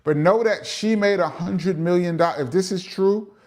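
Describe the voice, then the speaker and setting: A man's voice: high-pitched, normal speed, a little mellow. Chatty New York man hosting. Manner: chatty, laughs often, lots of "um" fillers. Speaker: host reading live chat questions. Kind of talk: casual live chat and Q&A.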